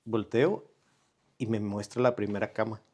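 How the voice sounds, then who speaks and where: A man's voice: fairly low pitch, steady tone, darkish tone. Earnest man telling a testimony. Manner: earnest, unhurried, with pauses and reenacted dialogue. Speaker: guest sharing a personal testimony. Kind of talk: conversational storytelling.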